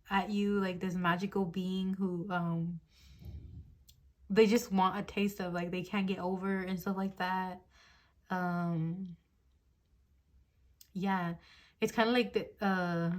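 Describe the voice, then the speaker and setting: A young woman doing a casual tarot reading into a phone on her desk, rambling with many fillers and frequent giggles. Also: mid-range voice. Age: young adult. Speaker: tarot reader. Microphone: phone on a desk mount.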